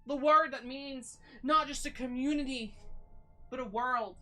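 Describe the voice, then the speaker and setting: A young woman, tipsy, giving a theatrical mock-motivational livestream monologue in a drawn-out way, swinging between hushed and loud emphasis. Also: high-pitched. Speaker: VTuber streamer. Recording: music behind the voice. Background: background music.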